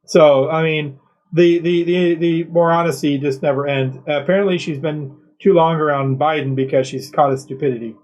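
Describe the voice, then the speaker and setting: Man, host, sarcastic commentary, rambling, lots of fillers, slightly high voice. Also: steady tone, normal speed, darkish tone, muffled recording. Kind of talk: mocking political commentary.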